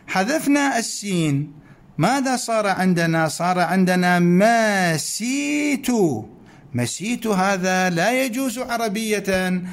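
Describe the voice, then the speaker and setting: A man teaching a grammar lesson, explaining slowly, repeating each point and putting questions to his students. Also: sits high. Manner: slow, repeats points, asks questions of listeners.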